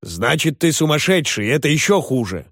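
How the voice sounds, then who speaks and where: A hot-tempered old gentleman, voiced by a male narrator blusters gruffly, his pitch swinging widely. He speaks as an older man used to being obeyed. The recording is close and dry. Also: big pitch swings, moderate pace, dry recording, heavily acted. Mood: furious.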